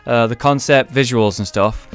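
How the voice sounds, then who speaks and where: A man's voice: medium pitch, moderate pace, faint music behind. A man hosting a casual gaming chat, rambling and cutting himself off as he talks. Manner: rambling, self-interrupting. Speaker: host.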